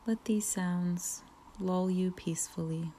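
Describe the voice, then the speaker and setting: A woman leading a guided relaxation meditation, speaking softly with frequent whispered phrases and long pauses. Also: on the low side, steady tone, slight background noise. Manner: slow, soft, partly whispered, soothing pauses.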